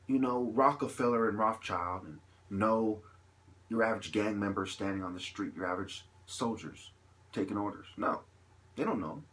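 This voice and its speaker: A fairly low-voiced man vlogs an impassioned opinion monologue to his viewers, speaking off the cuff. Emphatic repetition and rhetorical questions carry his argument, and he frequently halts between phrases.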